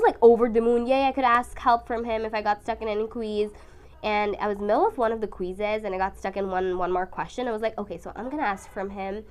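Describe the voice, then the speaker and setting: A young woman with a congested, strained voice from the flu, chatting casually and expressively as she narrates her painting. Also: mid-range voice. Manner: expressive, dramatic, self-deprecating. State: sick with flu. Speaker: art vlogger.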